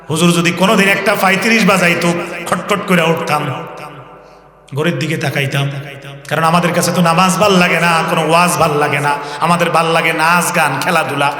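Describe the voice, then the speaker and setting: A high, bright-toned male preacher, giving a sermon in a sing-song chant. His delivery swings between ringing cries and hushed asides. The sound carries a long hall reverb over a public-address system. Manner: chants Quranic verses melodically, swings from loud cries to low asides. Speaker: Islamic preacher.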